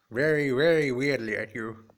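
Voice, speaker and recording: A man voicing his pet African grey parrot as a tired, camera-shy bird with a low, subdued manner. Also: natural voice. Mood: bored.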